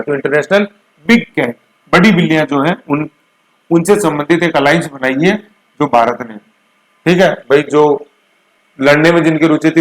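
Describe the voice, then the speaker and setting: A man's voice: a little high, rough recording. Chatty man lecturing. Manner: chatty, repeats checks like "theek hai na". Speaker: current affairs teacher. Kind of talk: exam-prep lecture.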